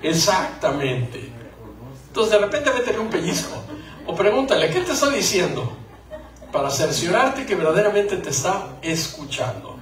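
A man's voice: sits high, very animated, moderate pace, echoey room, far from the mic, rough recording. A man gives a joking live talk to couples about marriage and acts out little scenes. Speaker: conference speaker on marriage.

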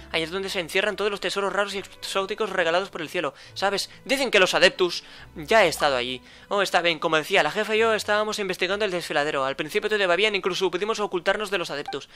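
A man with a Spain Spanish accent voicing a cocky, mocking male treasure thief in a game, with quick banter. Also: high voice, bright, forceful tone, faint music behind. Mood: teasing.

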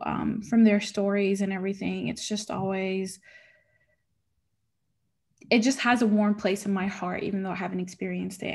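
Earnest young woman with a gravelly voice. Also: mid-range voice, darkish tone. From United States. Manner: earnest, grateful, with many fillers. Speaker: panelist. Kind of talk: casual comment on a video call. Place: living room at home, indoors. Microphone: laptop webcam.

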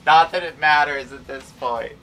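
A man's voice: on the high side, moderate pace, bright, forceful tone, soft background music. A young man explaining science casually, in a playful, slangy, irreverent way. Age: young adult. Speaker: chemistry presenter. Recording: distant camera mic, faint room noise.

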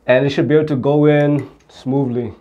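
A middle-aged man who teaches auto repair explains, step by step and in plain words, how to fix a car on camera. His medium-pitched voice holds a steady tone at a moderate pace, though the audio is narrow and tinny.

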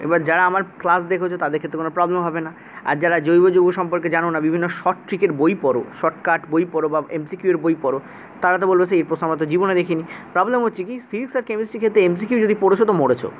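A male teacher with a Bengali accent from West Bengal, giving a brisk exam-prep science lesson and checking in often with his students. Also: high voice. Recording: dull lo-fi sound with faint noise.

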